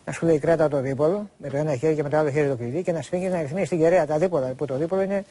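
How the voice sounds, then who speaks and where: A man in his forties from Greece speaks as a talk-show guest with a slightly raised pitch. He rambles earnestly, circles back to the same points and acts out other people's lines in long quotes. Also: mellow. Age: 40s. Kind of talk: rambling confessional chat.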